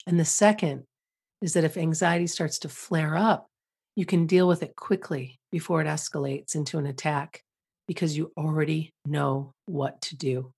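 A woman hosting a self-help podcast, talking calmly with a gentle, measured, soothing delivery. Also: low-pitched, gravelly, breathy edge. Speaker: podcast host. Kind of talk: calm self-help podcast talk with guided breathing instruction.

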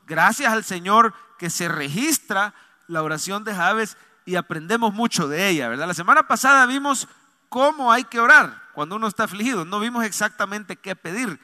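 A man's voice: high-pitched, lively intonation, normal speed, sharp tone, long reverb tail. A man preaching a sermon as pastor, fervent and calling on the congregation to answer and repeat after him. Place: church hall.

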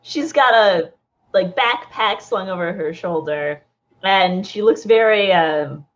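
A woman narrating as game master of a tabletop game, playful and quick to laugh. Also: medium pitch, highs cut off.

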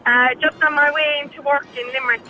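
A woman's voice: high-pitched, fairly even intonation, quick pace, highs cut off, a crowd in the background. An Irish woman calling in by phone from a parked car, her voice coming through a windy, tunnel-like line as she gives short, upbeat answers. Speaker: phone-in caller. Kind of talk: casual chat on air.

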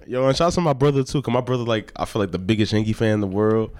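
A man from New York, a podcast host, chatting casually about sports in quick, slangy talk. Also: on the low side, darkish tone. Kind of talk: casual chat.

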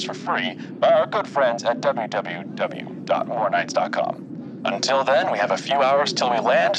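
A man playing an airline captain who makes a relaxed, unhurried announcement to the passengers in the cabin. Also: mid-range voice, noisy background, natural voice.

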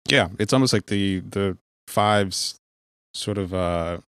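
A man's voice: deep voice, slow, a bit bright, no echo, clean studio sound. A man co-hosting a casual podcast discussion, explaining ideas analytically with a wry, joking edge. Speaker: podcast co-host.

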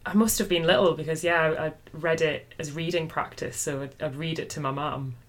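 Low-voiced woman in lively casual chat. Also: brisk. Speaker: book podcast co-host.

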